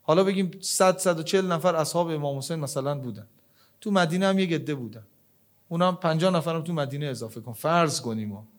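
Impassioned preacher, man, sermon. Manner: dramatic swings between loud emphatic questions and low hushed lines; quotes Arabic verses and prayers. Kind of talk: religious sermon.

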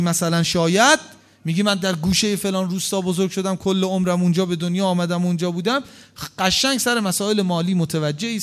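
A man with a notably high voice delivers a religious sermon. He argues hard, fires rhetorical questions and swings from loud outbursts to hushed asides. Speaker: preacher.

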